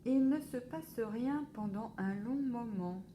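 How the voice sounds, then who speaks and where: A woman reading a children's picture book aloud for a library, slow and expressive. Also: a little high, slight background noise. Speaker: library storyteller.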